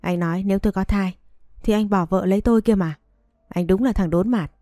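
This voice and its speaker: A woman's voice: mid-range voice, a little fast, warm tone, no room sound, studio quality, close to an everyday voice. Woman reading as a brash taunting mistress. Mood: angry. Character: brazen young mistress, woman.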